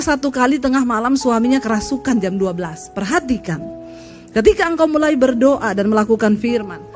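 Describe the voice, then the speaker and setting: Female pastor, high voice, lively sermon, faint music underneath. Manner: animated preaching with acted quotes.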